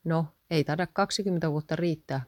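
A woman's voice: low-pitched, no echo, lightly acted. A woman reading aloud and voicing a stubborn husband who defends his spending. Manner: defensive, grumbling.

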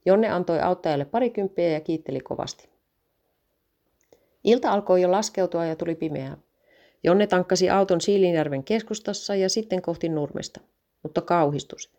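Woman reading a story out loud, lowish mellow voice, calm and steady.

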